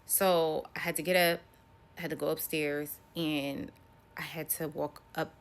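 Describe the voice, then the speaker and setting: A woman's voice: deep voice, flat delivery, unhurried. An American woman, around her thirties, talking casually and ramblingly to her viewers in a personal vlog. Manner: conversational, rambling, addressing viewers directly. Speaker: vlogger.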